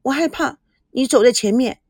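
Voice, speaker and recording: A woman's voice: sits high, moderate pace, darkish tone, slightly rough, no echo, clean studio sound. A woman voicing a playful, teasing young woman in an audiobook.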